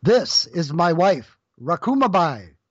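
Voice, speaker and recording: A man's voice: on the high side, very animated, takes it slowly, breathy edge, no echo, exaggerated voice. A storyteller voicing a grateful, courteous middle-aged village father who pleads politely with a guest. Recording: dull lo-fi dry recording.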